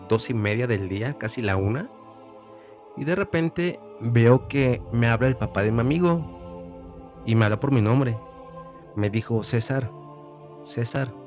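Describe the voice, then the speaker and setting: Man, Mexican Spanish accent, casual storytelling, middle pitch, repeats himself, faint music behind. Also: darkish tone. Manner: chatty, repeats phrases while recalling.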